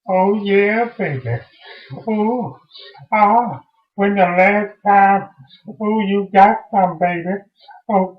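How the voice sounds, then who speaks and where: Comedy bit: dirty old man, crooning low and slow, as a man puts him on, echoey lo-fi room. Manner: low crooning come-ons.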